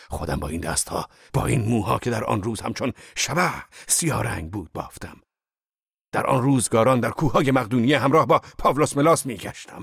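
A man voicing a fiery, blunt old male laborer in an audiobook reading, with a gravelly voice and loud, scornful outbursts. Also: medium pitch, no room sound, studio quality, pitched above the performer's own voice, heavily acted.

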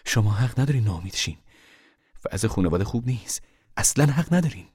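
A man voicing a weary, determined poor mother in a novel reading, low and hushed, sometimes forceful. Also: expressive, breathy edge.

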